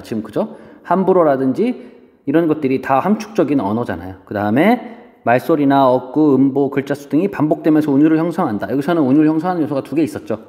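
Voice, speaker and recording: A male teacher giving an online lecture, explaining step by step with fillers, pausing as he writes notes. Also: a little high, dark tone. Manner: explains slowly while writing, frequent fillers. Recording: dull lo-fi audio, long reverb, faint noise.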